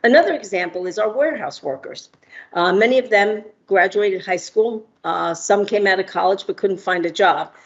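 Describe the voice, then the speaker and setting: A middle-aged Argentine woman with a mid-range voice speaks at normal speed in lo-fi sound. She's a guest speaker and entrepreneur delivering prepared remarks in a friendly way, full of ums and uhs.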